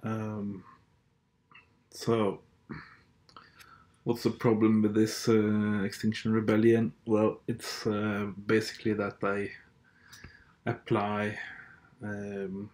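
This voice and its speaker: In a completely flat, lowish voice with a darkish tone, a Norwegian-born podcast host speaks slowly and leaves long pauses. Norwegian is his first language, and his casual solo talk is blunt and sardonic, stumbling through fillers and restarts.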